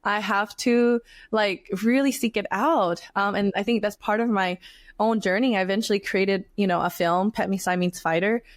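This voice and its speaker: Guest: reflective woman from North Carolina, mid-pitched, dead-dry close sound, chatty with fillers. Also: fairly even intonation, moderate pace, dry recording. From North Carolina, USA. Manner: reflective, earnest, many fillers like "like" and "you know". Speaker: podcast guest. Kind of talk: casual conversational interview.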